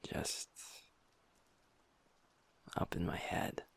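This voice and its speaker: A man voicing Ash, a gentle young werewolf boyfriend and pack beta, weighed down by guilt, talking softly and intimately to his partner in an audio roleplay. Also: very slow, in a whisper. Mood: subdued. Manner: soft, hushed, intimate talk to a partner.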